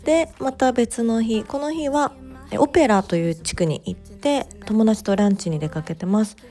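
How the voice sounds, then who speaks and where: A woman narrating her vlog in a relaxed voice-over, chatty and gently enthusiastic, with soft fillers. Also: on the high side, normal speed, faint music behind. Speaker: bookstore owner vlogger.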